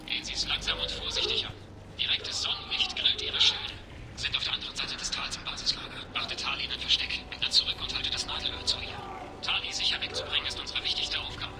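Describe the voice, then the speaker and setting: An actor playing a quarian marine commander cut off by the enemy, reporting in terse, half-whispered military talk over a crackling sci-fi radio link. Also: male voice, fast talker. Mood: tense. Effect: crackly sci-fi radio transmission. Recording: very noisy, hissing radio comm.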